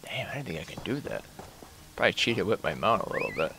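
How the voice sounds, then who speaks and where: Brief: a laid-back let's-play man, animated pitch, clear noise behind. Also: fast. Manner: laid-back, muttering reactions. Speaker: gameplay commentator. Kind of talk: casual let's-play commentary.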